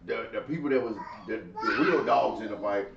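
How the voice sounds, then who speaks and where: A man's voice: lowish voice, brisk, creaky. A man co-hosting a casual podcast debate, arguing his points earnestly and restarting phrases as he goes. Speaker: podcast co-host. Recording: roomy, distant, dull sound with crowd behind.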